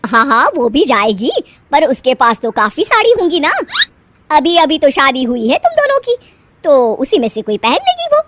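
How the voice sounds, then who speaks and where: A woman voicing a bossy middle-aged stepmother who scolds loudly and favours her own son, in a storybook tale. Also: high voice, sing-song, normal speed, a little hiss or hum. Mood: sweetly bossy. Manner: scolding, loud and commanding. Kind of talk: storybook voice acting.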